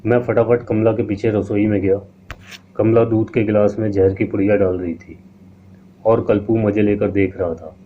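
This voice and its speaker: Male horror-story narrator; steady, low, phone-thin recording with faint hiss. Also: moderate pace. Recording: tinny lo-fi line with faint hiss.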